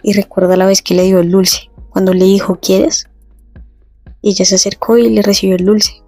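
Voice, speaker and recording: A woman casually retelling a comic story, reading the characters' lines slowly and chatting between them. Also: mid-range voice, little pitch movement, warm tone, no room sound, soft background music. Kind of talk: casual comic recap with read-out dialogue.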